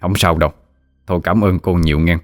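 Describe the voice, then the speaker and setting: A man's voice: low-pitched, fairly even intonation, brisk, dry recording, clean studio sound, soft background music, natural voice. A man doing a folksy older honey hunter. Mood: easygoing.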